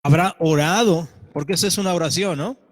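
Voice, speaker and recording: A male pastor preaching a sermon, animated, acting out voices and questioning the congregation. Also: on the high side, brisk. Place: church sanctuary. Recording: church hall reverb.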